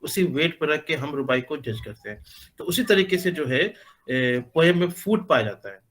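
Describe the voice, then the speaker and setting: A male teacher explaining a lesson, talking in an unhurried way with many pauses and filler sounds, with phrases. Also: a little high, animated, a bit bright. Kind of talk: spoken lecture in Hindi mixed with English.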